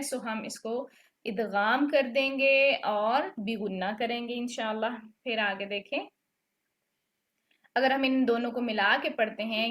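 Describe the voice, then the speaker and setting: A woman's voice: fairly high pitch, a bit bright. A woman teaches an online recitation class. She explains patiently and keeps checking that her students are following along. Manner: patient, checks understanding with "ठीक है?". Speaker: tajweed teacher.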